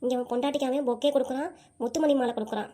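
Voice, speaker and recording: A woman's voice: sits high, steady tone, very fast, mellow, lightly acted. A woman voicing a complaining, gossiping old grandmother in a cartoon comedy, with a southern Tamil Nadu accent. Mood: grumbling. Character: older grandmother, grumbling and scheming. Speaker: voice actor.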